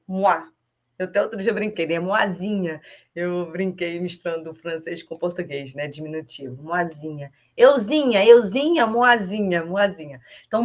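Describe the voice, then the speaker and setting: Chatty woman teaching French, lo-fi sound. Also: lowish voice. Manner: chatty and animated, repeats French phrases slowly, laughs often. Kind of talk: casual online French lesson. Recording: slightly dull lo-fi sound.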